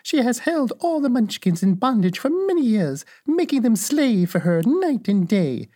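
A gentle old good witch from a storybook, calm and welcoming, put on by a reader. Her voice sits high and sweet, with a slight husk and a lively, lilting rise and fall. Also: moderate pace.

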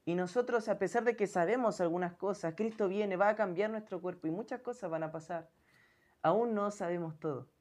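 A woman's voice: medium pitch, brisk, a little mellow. A woman preaching an earnest sermon, often calling her listeners brother.

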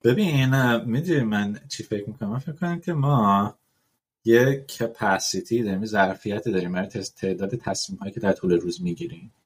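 A man's voice: lowish voice, husky. Man musing with many fillers. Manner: thoughtful, rambling with many fillers and English loanwords. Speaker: podcast host. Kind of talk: casual podcast conversation.

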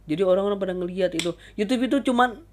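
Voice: mid-range voice, rapid-fire. A vlogger in a casual ranting monologue, blunt and crude, often stumbling and restarting words.

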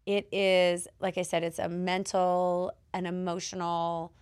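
Host role: woman, hoarse and low-pitched, chatty with easy laughs and casual swearing. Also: little pitch movement, unhurried. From Canada. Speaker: podcast host. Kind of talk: casual chat.

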